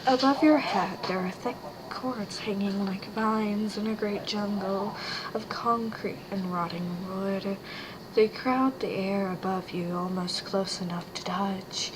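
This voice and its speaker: A woman telling a spooky second-person story in a hushed, often half-whispered delivery. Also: medium pitch, slow, background noise.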